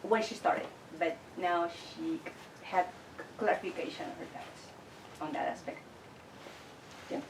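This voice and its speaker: Woman, event organizer and interpreter; lowish voice, distant mic in an echoey room. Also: a little slow, pauses often, noisy background. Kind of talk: introducing and translating.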